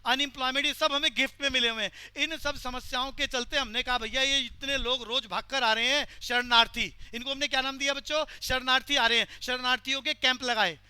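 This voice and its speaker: A male teacher lecturing a class and pressing the students for quick answers. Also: very high voice, fairly even intonation, bright, forceful tone, clean tone, no room sound.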